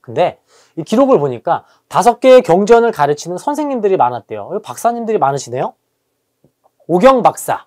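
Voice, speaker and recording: A history lecturer giving an exam-prep lecture, chatty and lively, repeating key terms for emphasis. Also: medium pitch, fairly quick.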